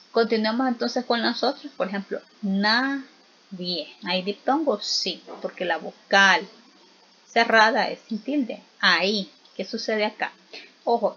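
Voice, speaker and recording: A woman teaching a spelling lesson, explaining slowly and patiently and often checking in with her students. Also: medium pitch, a bit bright, muffled recording, a little hiss or hum. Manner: slow, patient explaining with frequent check-in questions.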